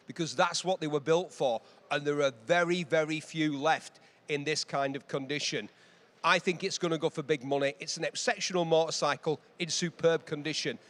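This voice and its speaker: Emphatic British man commentating, slightly high-pitched. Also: a bit bright. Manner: emphatic, punchy phrasing. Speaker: motorcycle commentator. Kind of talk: enthusiastic live commentary.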